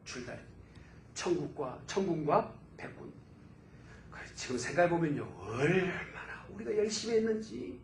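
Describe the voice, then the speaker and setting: A man delivers a sermon from the pulpit of a church sanctuary. His fairly high voice rises and surges with fervent emphasis. The hall adds a noticeable echo over a faint background hum. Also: lively intonation, normal speed, gravelly. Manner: fervent preaching, swelling to loud exclamations. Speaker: pastor.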